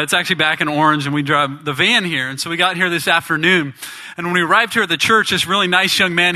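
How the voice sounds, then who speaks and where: A man's voice: on the high side, bright, forceful tone. A young man from the US Midwest telling his testimony to a church audience, chatty and joking. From Indiana, US Midwest. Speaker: gospel band member giving testimony. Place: church stage.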